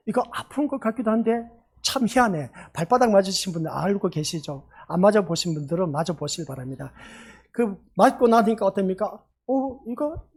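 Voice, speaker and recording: A man preaches a Sunday sermon in his church with a slightly husky, breathy voice. He talks emphatically, pausing to throw rhetorical questions at the congregation. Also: high voice, lively intonation. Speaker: pastor. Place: church sanctuary.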